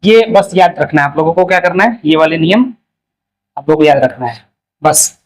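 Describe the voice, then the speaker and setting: A man with a Hindi accent explains grammar in a casual classroom style. He asks questions and answers them himself, and says the English examples slowly and carefully. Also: fairly high pitch, expressive, rough recording.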